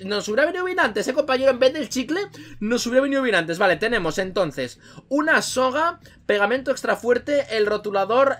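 A man with a Spain Spanish accent commentating his game playthrough, excitable, jumping between muttering and yelling. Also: very high-pitched. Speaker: gaming YouTuber.

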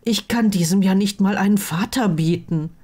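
A woman's voice: mid-range voice, moderate pace, dark tone, breathy edge, natural voice. A woman voicing a sarcastic, worried teenage wizard boy in an audiobook reading of fan fiction. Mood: glum. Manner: sarcastic, dejected.

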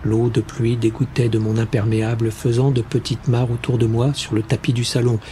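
A man narrating a first-person science fiction audiobook in a measured, steady reading. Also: medium pitch, slight background noise.

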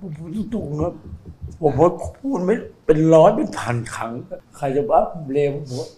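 A man's voice: a little high, expressive, normal speed, warm tone, low-quality recording. A man answering questions in a pleading, self-justifying way. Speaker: father being questioned. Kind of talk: defensive news interview.

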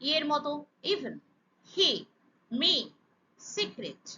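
A woman teaches pronunciation in a high, bright voice. She spells out sounds one at a time, slow and emphatic. The recording is slightly muffled and lo-fi. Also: big pitch swings. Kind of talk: slow, deliberate pronunciation lesson.

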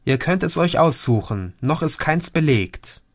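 A man's voice: fairly high pitch, lively intonation, measured pace, no echo, voice pushed up. A man putting on a genial middle-aged Portuguese café owner, chatty and eager to explain, his voice lifted a little above a plain reading. The sound is dry and close, with no room around it, as in a storybook audiobook. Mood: friendly, chatty. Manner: friendly, talkative, explaining.

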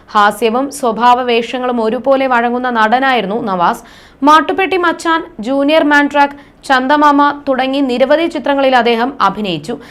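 A woman presenting a scripted news report in a formal, even reading style. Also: high voice.

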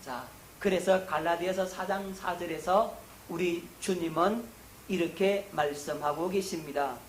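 A middle-aged man preaching a sermon lecture as a pastor, who asks the congregation questions and answers them himself, getting higher and louder on key points. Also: steady tone, a little slow, a little hiss or hum. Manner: rises in pitch and volume on emphasis. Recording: echoey room.

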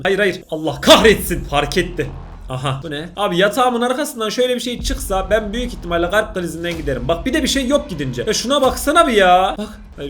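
A young man reacting to scary videos, jumpy and swearing, pleading out loud with what he sees on screen. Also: high-pitched. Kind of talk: casual reaction commentary.

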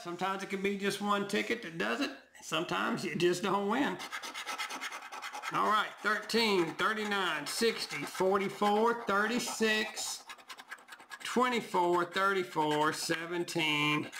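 A man, hoarse tonight, chatting casually to viewers as he scratches lottery tickets and reads the numbers aloud. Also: sits high, noisy background. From Tennessee, US. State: voice going hoarse.

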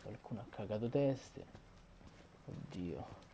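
A man's voice: fairly low pitch, expressive, takes it slowly, warm tone. A young man giving horror game commentary through a headset, jumpy and swearing at what he sees. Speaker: gaming YouTuber. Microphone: headset earphones. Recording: audible background noise.

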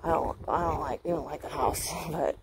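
Walking outdoors on a rural residential road, a middle-aged vlogger from Washington State talks to her viewers in a relaxed, folksy way while holding her phone out at arm's length. She speaks briskly in a low-pitched, creaky voice with fairly level intonation. The recording is noisy, with clicks.

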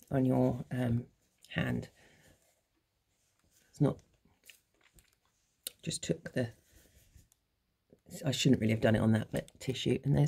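A woman's voice: low voice, warm tone, a little hiss or hum. Chatty woman teaching makeup. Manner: chatty, informal, demonstrating as she goes. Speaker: makeup artist and beauty coach. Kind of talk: casual makeup tutorial. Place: at home.

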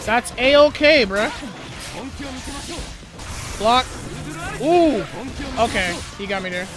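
A young man commentating his own fighting-game matches, panicking, cheering and talking himself calm. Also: very high-pitched, takes it slowly, over music. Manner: excitable, shouts and panics during fights; talks himself calm with repeated okays. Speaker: gaming streamer. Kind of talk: live gameplay commentary.

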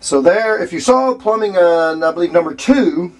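An RV renovation vlogger narrates a casual do-it-yourself repair walkthrough from inside a small RV bathroom. He rambles, full of fillers and restarts. His voice sits high, animated and darkish, at a moderate pace.

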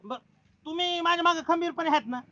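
A man acting in a rural comedy sketch, boastful and rustic, who breaks into pleading shouts. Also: very high-pitched, quick pace, muffled recording. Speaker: comic actor.

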